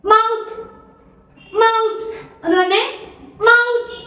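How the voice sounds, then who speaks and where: A woman teaching body parts to kindergarten children, slowly and in a sing-song way, with call-and-response repetition. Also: expressive, recorded from a distance. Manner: slow, sing-song, pitch jumps up on each prompted word. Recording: very echoey room, voice a bit off-mic.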